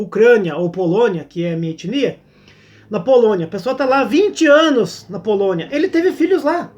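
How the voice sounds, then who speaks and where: A middle-aged Brazilian man with a Brazilian Portuguese accent, hosting his own channel in a casual critical monologue, halting and repeating words as he thinks. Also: high voice, a little mellow. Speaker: YouTube channel host.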